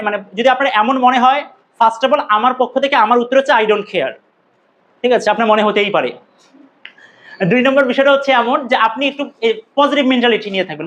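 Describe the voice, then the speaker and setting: A man's voice: very high-pitched, fairly bright tone, rough recording. A young man teaching English grammar to a classroom, questioning his students and repeating key points as he goes.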